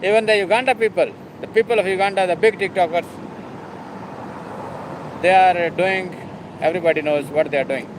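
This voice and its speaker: A man's voice: high voice, fairly even intonation, fairly quick, pauses often, noisy background. A man hosting a casual live stream, talking in a rambling, emphatic and repetitive way. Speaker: livestream host.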